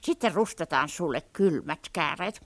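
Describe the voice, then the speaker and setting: A woman's voice: sits low, animated. A woman playing a sick, grumpy female witch in a radio play, talking in a grumbling, stubborn way.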